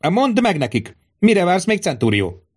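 A man voicing an arrogant Roman tribune who barks orders in a raised, shouting voice. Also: high voice, big pitch swings, breathy edge, pitched above the performer's own voice, heavily acted. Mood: enraged commanding. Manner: shouting, commanding. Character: furious arrogant male Roman tribune officer.

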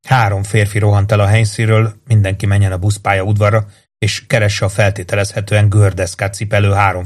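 A man reading a crime novel aloud as an audiobook narrator, in even scripted narration. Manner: reads steadily, lifting pitch and volume for shouted dialogue.

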